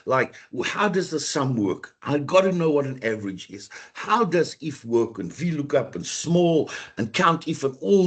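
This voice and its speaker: A man teaching an online exam-prep class over a computer mic, chatty, with a rough, coughing throat and a habit of saying "guys". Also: mid-range voice. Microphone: computer mic on a video call.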